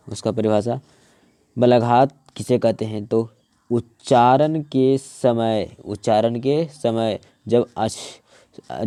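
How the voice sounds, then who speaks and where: A young man teaching grammar from his notes, often repeating words and restarting, and slowing down to spell out word parts. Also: fairly low pitch, dark tone, no echo. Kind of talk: explaining from notes to camera.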